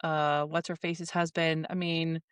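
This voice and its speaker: A woman co-hosting a podcast, chiming in with quick comments and agreement. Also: deep voice, little pitch movement, clean tone, no room sound. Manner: quick reactive interjections and agreement. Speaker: podcast co-host. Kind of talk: casual podcast chat.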